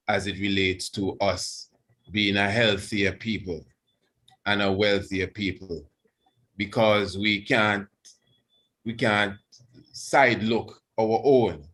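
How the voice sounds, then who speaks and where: Deep-voiced man in reverent Rasta speech. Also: fairly bright tone. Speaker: priest giving a guest address. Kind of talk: reverent celebratory religious address, extemporaneous.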